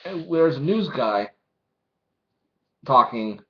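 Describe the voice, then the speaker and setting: A manga reviewer with an expressive, mid-range voice reads chapters aloud slowly over dull audio. The read-along is casual and informal: he narrates the story with his own commentary, swears some, and acts out the dialogue.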